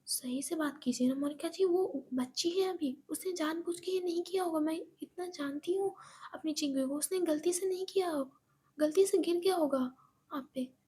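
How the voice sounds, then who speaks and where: A woman's voice: very high-pitched, moderate pace, warm tone, voice pushed up. A woman voicing a defiant young wife who speaks firmly and indignantly in her sister's defence. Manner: firm, indignant pleading.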